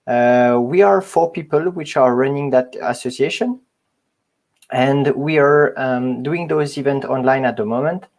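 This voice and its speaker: A man's voice: medium pitch, a little slow, darkish tone. Male meetup host, hesitant intro, video call audio. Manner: hesitant, many fillers. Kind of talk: online event introduction.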